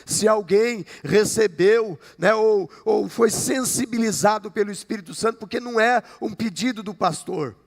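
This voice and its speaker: A man's voice: sits high, normal speed, creaky, few pauses. A man in his fifties from Brazil, a pastor preaching a conversational sermon to his congregation, often checking in with "né?". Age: 50s. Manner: conversational preaching with frequent "né?" and jokes. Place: church sanctuary. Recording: long hall reverb.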